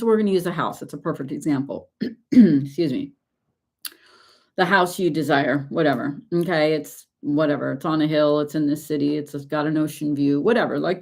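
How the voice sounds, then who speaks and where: A woman's voice: sits low, a little mellow. Woman coaching with emphatic earnestness. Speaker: success coach. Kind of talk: motivational coaching talk.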